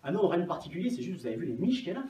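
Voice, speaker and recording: A man playing a supermarket manager in an improvised comedy sketch, deadpan and often giggling. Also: on the high side, racing, a crowd in the background. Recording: echoey room recorded from a distance, noisy.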